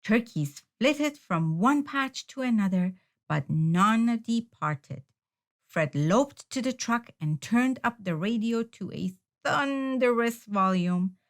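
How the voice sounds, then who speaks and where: Reading from a children's picture book, a woman uses a slow, expressive storyteller's style. Her pitch is a little high.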